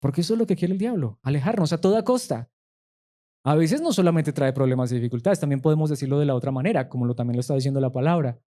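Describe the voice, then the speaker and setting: Guy preaching a sermon, kinda high pitched but mellow, asks lots of questions. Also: expressive, quick pace. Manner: emphatic preaching with rhetorical questions. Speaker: pastor.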